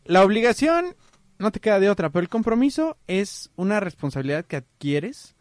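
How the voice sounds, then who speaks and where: A man with a Mexican accent hosting a casual, joking chat, breaking into loud impressions. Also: sits high, big pitch swings, brisk, dry recording, studio quality. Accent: Mexican Spanish.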